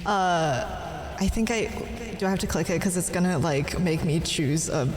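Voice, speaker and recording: A woman's voice: fairly low pitch, normal speed, a little mellow, in a large hall. A woman playing a tabletop game, chatting casually with exclamatory reactions.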